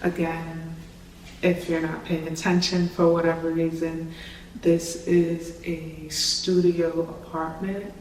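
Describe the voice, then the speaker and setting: An excited, informal vlogger giving a casual apartment tour, with the voice bouncing around an empty room. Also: mid-range voice, slow pace. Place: empty high-rise studio apartment, indoors. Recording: echoey empty room, distant mic, faint noise.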